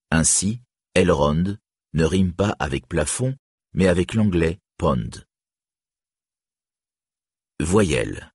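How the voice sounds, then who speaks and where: A man reading an audiobook pronunciation guide with careful, deliberate enunciation, on a close studio mic. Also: low voice, darkish tone, slightly rough, no room sound. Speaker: audiobook narrator.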